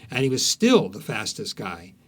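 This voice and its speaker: A man being interviewed as an author tells stories conversationally in a fairly low voice with huge pitch swings, at a moderate pace. He often makes false starts and repeats words.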